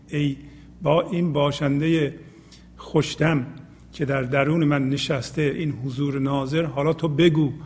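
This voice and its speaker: A man hosting a spiritual teaching program, reciting lines of classical poetry and then explaining them slowly, repeating phrases as he goes. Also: mid-range voice, big-room sound. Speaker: host explaining Rumi poetry.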